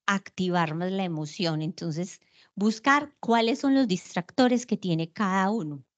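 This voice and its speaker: Woman lecturer, explanatory, rhetorical questions, somewhat dull lo-fi recording. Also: medium pitch. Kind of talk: online lecture on emotions.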